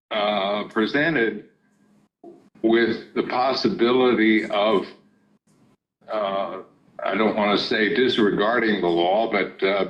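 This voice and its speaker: Man on a speakerphone, slow and low. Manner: hesitant, many ums and restarts. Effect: heard over a speakerphone. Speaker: zoning hearing board chair. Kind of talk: explaining a decision at a public meeting. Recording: muffled speakerphone line in a council chamber.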